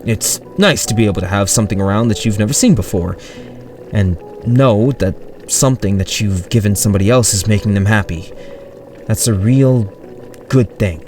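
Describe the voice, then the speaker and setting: Dad figure, loud and over-reassuring ; a man reading him, storybook voice. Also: lowish voice, moderate pace, close to an everyday voice. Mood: forced cheer. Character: middle-aged father, forced cheerfulness. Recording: distant mic with soft music.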